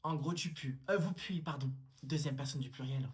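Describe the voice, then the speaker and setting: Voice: medium pitch, moderate pace, very noisy, voice pushed down, lightly acted. A performer voicing a cheeky, insolent teenage pupil who talks back to the teacher in a comedy sketch. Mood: mocking. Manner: mouthy and insolent.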